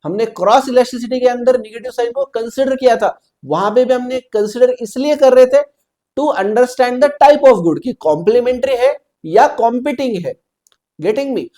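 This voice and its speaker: Teaching exam preparation in a mix of Hindi and English terms, a man walks students through each step and frequently checks on them. His voice is extremely high-pitched yet dark in tone. He reads questions out slowly.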